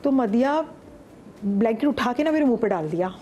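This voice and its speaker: A middle-aged woman sits on a TV studio set and tells a spooky personal story with animated, vivid detail. Her voice sits a little high but sounds mellow and soft-edged. A faint hum of noise runs underneath. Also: a little fast, dull audio. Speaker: guest. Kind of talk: storytelling on a talk show.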